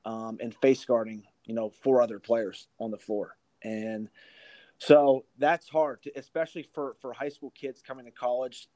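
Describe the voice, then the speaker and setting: A college basketball coach, heard in a dry recording, discusses his coaching methods in an interview with a mellow, even, mid-range voice at a moderate pace. He's emphatic, going back over points to stress them.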